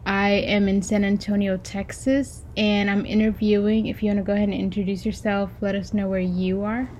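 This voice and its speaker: A woman conducting an oral history interview, asking polite, measured questions with a few fillers. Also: medium pitch, little pitch movement, a little mellow, slight background noise.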